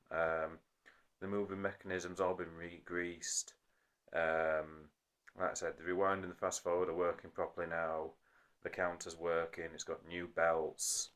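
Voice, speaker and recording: This man's deep, slightly bright voice is captured on a phone as he casually explains a repair for his hobbyist videos. He rambles and keeps correcting himself with apologies.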